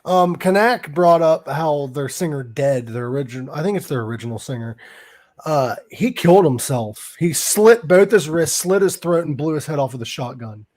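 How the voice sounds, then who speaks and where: A man hosting a casual podcast chats in a fussy, talkative way, correcting details and laughing at dark humor. His voice is on the high side, expressive, and moderately paced.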